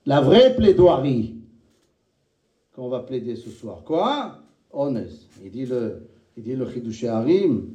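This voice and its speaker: A man giving a sermon. He swings between high chanted calls and low murmured asides, and he chants Hebrew and Aramaic phrases in a sing-song. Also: sing-song, slow, long pauses, warm tone, roomy sound, recorded from a distance. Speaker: rabbi.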